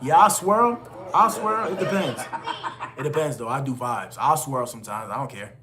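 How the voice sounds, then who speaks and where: Laid-back young man giving shout-outs. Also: medium pitch, moderate pace, background noise. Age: 20s. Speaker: livestream host reading chat. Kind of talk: casual live-stream chat.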